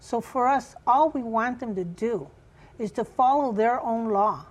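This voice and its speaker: As a news interview guest, the chair of a community group responds earnestly, her raspy voice pitched a little high. She pauses a lot and leans on fillers.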